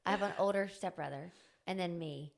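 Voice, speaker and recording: A woman's voice: fairly low pitch, brisk, vocal fry. Bubbly woman podcast host. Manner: bubbly, playful, laughs often. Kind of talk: casual interview chat.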